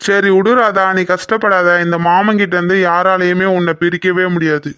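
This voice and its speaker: A performer voicing a young cartoon lover with a bright, clean voice. He is protective and a little possessive, teasing his sweetheart fondly. The sound is dry and close. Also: mid-range voice, level tone, moderate pace, clean tone, no echo, close to an everyday voice. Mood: affectionate. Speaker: cartoon character. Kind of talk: Tamil cartoon voice acting.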